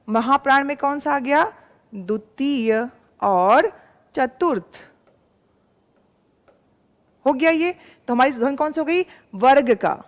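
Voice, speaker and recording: A woman teacher giving a patient classroom lecture, sounding out letters slowly and calling her students "beta". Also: high-pitched, long reverb tail.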